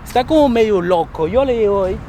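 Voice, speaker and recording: This vlog host is a man who came to the US from abroad at fifteen. His voice sits high with a dark tone, and he talks fairly quickly and animatedly, switching between Spanish and English and laughing often during a casual street interview chat. There's slight background noise.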